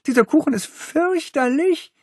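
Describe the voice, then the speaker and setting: A man's voice: very high-pitched, a little slow, no room sound, voice pushed up. A man voicing a bored, sarcastic schoolgirl in a storybook reading, with a dry, scornful manner.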